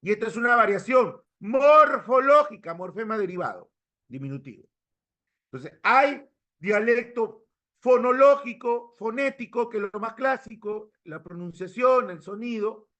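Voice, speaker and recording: Animated high-voiced male teacher. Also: unhurried. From Peru. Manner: asks the class for confirmation, mimics regional accents. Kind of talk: lively classroom lecture.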